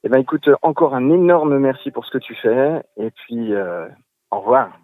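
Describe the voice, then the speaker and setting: A man leaving a voice message for a podcast, hesitant and halting, stopping often to search for words. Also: mid-range voice, lively intonation, dry recording, phone-quality sound. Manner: hesitant, many fillers and restarts. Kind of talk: recorded voice message.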